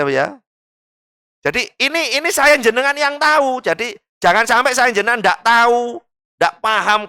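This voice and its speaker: A man with an East Javanese accent giving a religious study lecture in a mosque, lively and jokey, slipping local dialect into the lesson. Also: sits high, smooth, no echo, studio quality. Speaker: Islamic teacher.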